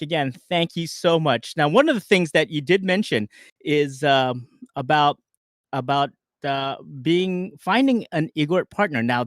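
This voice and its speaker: A man from the United States co-hosting a casual talk show, relaxed and loose with many fillers, speaking over a remote call. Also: fairly high pitch, no room sound, studio quality. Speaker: podcast co-host. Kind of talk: casual chat.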